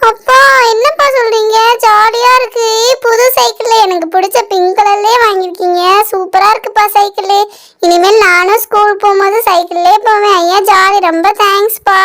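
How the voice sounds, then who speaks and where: A woman voicing a sulky, whiny young schoolgirl in a doll storybook video, pleading with her mother. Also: very high-pitched. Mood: excited. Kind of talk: storybook doll-play acting.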